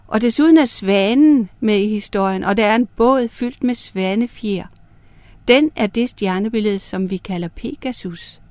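Gentle woman reading a children's story. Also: mid-range voice, no room sound.

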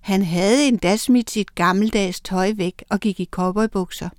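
A woman storyteller reads a children's tale aloud with lively expression. Her voice is smooth and clear at a middle pitch. The sound is close and dry. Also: dry recording.

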